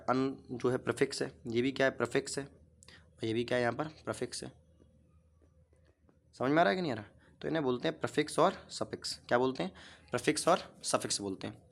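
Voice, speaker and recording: A patient male teacher works through a grammar lesson one piece at a time. He keeps asking quick questions like a quiz and answers each one himself. His voice is of ordinary pitch for a man. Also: creaky. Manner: asks questions and repeats the answers; patient, explains step by step.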